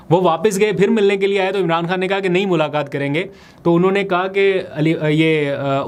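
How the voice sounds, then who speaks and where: Man giving political analysis. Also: on the high side. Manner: brisk, explanatory, analytical. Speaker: political vlogger. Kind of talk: political commentary vlog.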